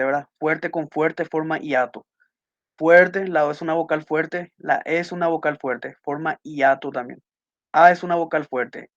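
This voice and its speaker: A man's voice: a little high, no echo. A man teaching a class, patiently going over test answers and repeating key points with little checking questions. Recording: muffled dry lo-fi audio.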